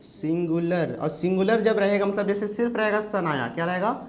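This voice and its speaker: An Indian man teaching spoken English in a classroom, drilling students with quick questions. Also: high-pitched.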